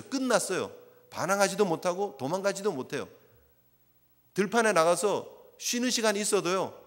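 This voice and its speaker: A male pastor preaching a sermon in a church, swinging between hushed, low passages and loud, emphatic ones. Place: church sanctuary. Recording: long reverb of a church sanctuary.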